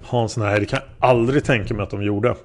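A man reading the lines of a hesitant male taxi driver being questioned as a witness, in a plain, halting way. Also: lowish voice, steady tone, natural voice. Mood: unsure. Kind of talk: read-aloud interrogation transcript.

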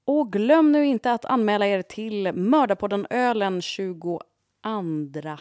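A woman's voice: medium pitch, lively intonation, darkish tone, no room sound, clean studio sound. A woman co-hosting a podcast in casual chat, chiming in eagerly with reactions. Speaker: podcast co-host.

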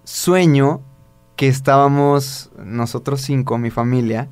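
A man's voice: mid-range voice, slow pace, darkish tone, clean tone. A man with a Mexican accent, co-hosting a podcast, telling a spiritual story in casual talk full of restarts and fillers. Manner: rambling with many restarts and fillers. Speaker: podcast co-host.

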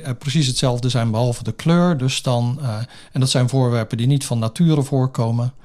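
A man's voice: mid-range voice, darkish tone. Hesitant man explaining an idea. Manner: hesitant, frequent fillers. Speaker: co-host discussing a research topic. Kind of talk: casual explanatory conversation.

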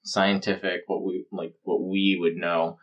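A man's voice: deep voice, little pitch movement, unhurried, highs cut off. A man running a tabletop game as game master, describing scenes in a chatty way full of fillers.

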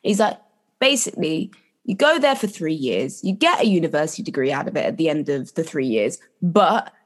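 A woman with a London accent chatting casually as an interview guest, telling stories in an animated, slangy way and acting out quoted asides. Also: fairly low pitch. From London, England.

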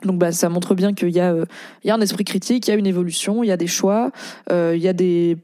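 Young woman, podcast host, casual commentary, mellow tone, dry close sound, chatty with fillers. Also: lowish voice, fairly even intonation, fast talker, no room sound. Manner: chatty, many fillers and restarts. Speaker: podcast host reading Reddit posts.

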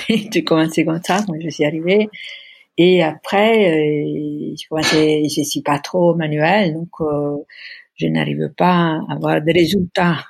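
A middle-aged Italian woman speaks with an Italian accent as a guest in a podcast interview, hesitating and often searching for words. Her low voice is husky with vocal fry, fairly even in intonation and a little slow, with no echo.

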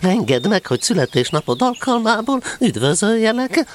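An actor playing a small, timid, fretful but polite piglet in a children's radio play. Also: male voice, high voice, sing-song. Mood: polite, earnest. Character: small, timid, anxious, well-meaning male piglet. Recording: clearly audible background noise.

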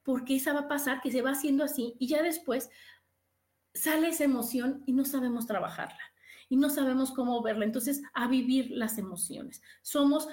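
A Mexican woman talks through her podcast in a loose, chatty way, with a high voice that swoops up and down as she acts out imagined inner voices. She often restarts her sentences. Her voice sits in an echoey room. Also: normal speed, darkish tone. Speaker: podcast host. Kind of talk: casual live podcast chat.

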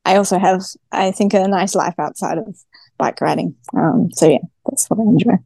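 A woman's voice: mid-range voice, normal speed, gravelly, dark tone, husky, no echo. Woman with a broad Kiwi accent. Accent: broad New Zealand (Kiwi). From New Zealand. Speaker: guest, professional cyclist. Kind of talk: casual podcast interview chat.

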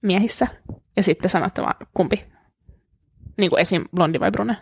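A young woman co-hosts a laid-back chat podcast and runs a quick-fire either-or game for her friends. Her pitch sits in the middle of the usual range. The sound is dry and close, with little room around it. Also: creaky, breathy edge, no room sound. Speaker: podcast co-host. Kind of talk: casual chat.

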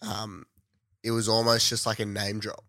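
Deadpan guy on a podcast, flat low voice, dry mic. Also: moderate pace, vocal fry, no echo. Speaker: podcast panelist. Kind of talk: casual chat.

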